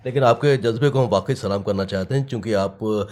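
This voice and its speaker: A man's voice: fairly low pitch, brisk, darkish tone. A man hosting an interview, asking courteous, formal questions and often murmuring agreement. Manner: courteous, with frequent affirming murmurs. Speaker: interviewer, host.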